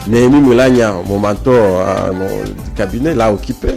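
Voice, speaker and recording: Faint music plays behind a fairly low-pitched, slightly mellow man speaking at normal speed. He's from South Kivu, has a Congolese French accent, and is an emphatic guest in a political interview, pressing his opinionated argument by repeating phrases.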